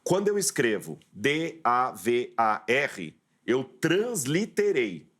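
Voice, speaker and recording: A man speaking as a guest professor in a studio interview. He lays out terms step by step, like a lecturer. He talks at an even, mid-range pitch. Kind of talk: explanatory interview talk.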